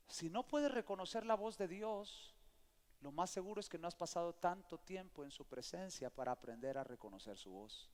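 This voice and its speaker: A middle-aged man, preaching a sermon and asking the congregation for amens. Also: on the high side. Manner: lively storyteller, calls for amens. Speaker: pastor. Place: church sanctuary. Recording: long church hall reverb.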